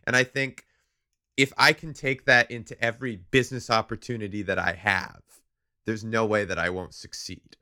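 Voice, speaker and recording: A man hosting a comedy podcast, joking in a deadpan way. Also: lowish voice, normal speed. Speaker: podcast host. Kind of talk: casual comedic chat.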